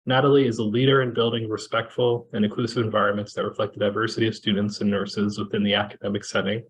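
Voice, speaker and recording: A man from Kenya moderating a panel discussion over a video call, talking in a measured way with many fillers. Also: lowish voice, flat delivery, a little hiss or hum, poor audio. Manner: measured, with frequent fillers and restarts.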